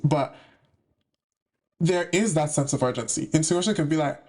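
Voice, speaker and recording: Speaking to the camera at a moderate pace, this young British spiritual content creator has a higher-than-usual voice with a darkish tone. He offers spiritual advice in chatty, slangy speech sprinkled with playful asides.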